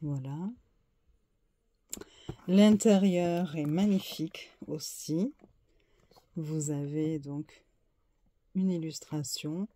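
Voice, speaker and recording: A woman's voice: low voice, warm tone. A French-speaking woman casually showing and describing a tarot deck, hesitant and full of little fillers. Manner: hesitant, fills pauses with euh and hein. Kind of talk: casual show-and-tell unboxing.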